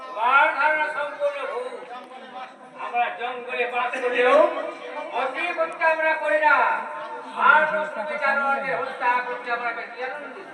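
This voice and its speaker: A man's voice: very high voice, steady tone, normal speed, pauses often. A man playing a proud, defiant forest hunter, declaiming in Bengali folk theatre. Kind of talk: Bengali jatra folk theatre stage acting. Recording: echoey stage, distant mic, crowd noise.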